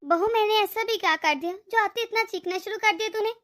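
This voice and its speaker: A woman's voice: extremely high pitch, fairly quick, fairly bright tone. A woman voicing a tired, grumbling older mother-in-law in a cartoon, weary and self-pitying. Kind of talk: cartoon dub voice acting.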